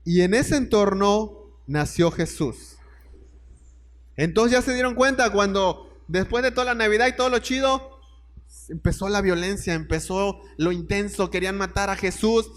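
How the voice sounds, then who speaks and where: A man's voice: high-pitched, normal speed, big-room sound. A man preaching a sermon, telling the story and putting questions straight to his listeners.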